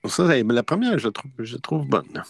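A man's voice: mid-range voice, big pitch swings, a little slow, creaky, breathy edge, no echo. A man with a Québécois French accent hosting a casual online quiz show, playful and chatty. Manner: playful, chatty, laughs often. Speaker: quiz host.

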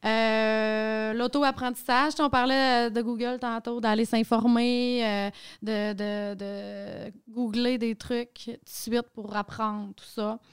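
A woman's voice: on the high side, little pitch movement, takes it slowly, clear, resonant tone. A woman with a Quebec French accent, a mother of a toddler, explaining things thoughtfully with many hesitations. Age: adult with a young child. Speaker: panel guest. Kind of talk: casual panel discussion.

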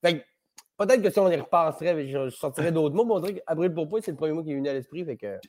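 A man's voice: on the high side, racing, a little mellow. A man with a Québécois French accent, a podcast guest chatting casually, rambling and playful, swearing freely. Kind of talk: casual conversation.

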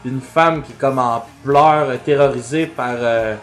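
A man with a Quebec French accent co-hosting a podcast in casual chat, animated and slangy, with lots of fillers. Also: mid-range voice, measured pace. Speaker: podcast co-host. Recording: roomy echo with faint music.

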